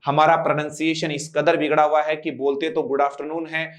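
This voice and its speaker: A male English teacher with a Hindi accent gives a coaching-class lecture. His voice sits fairly high and stays level, with little rise and fall. He explains step by step, asks the class questions and draws out key terms slowly. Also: level tone. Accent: Hindi-influenced English.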